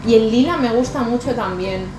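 In this clip, a young beauty vlogger in her young adult years chats casually through a makeup tutorial from a small, bright bedroom indoors, with a Spanish accent from Spain. Her voice is fairly high-pitched and brisk, over a noisy background, with echo and background music in the recording.

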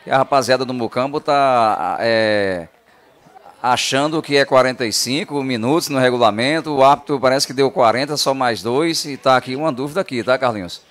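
A man reporting live from a football pitch into a handheld mic, repeating words as he searches. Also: normal speed, a bit bright. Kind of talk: live, improvised reporting and interviewing. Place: outdoors on a football pitch at night. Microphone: handheld reporter microphone.

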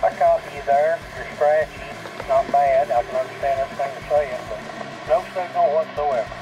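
A man's voice: on the high side, fairly quick, over loud music. A man with a ham operator's terse on-air phrasing, heard through a two-way radio speaker. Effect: heard over a two-way radio. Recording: muffled radio speaker audio.

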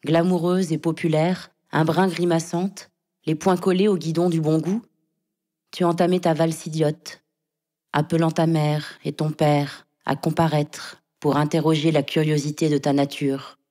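Low-voiced woman with a warm, dark tone, reading literary prose slowly and deliberately. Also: level tone. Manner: measured, literary delivery. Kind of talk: poetic narration.

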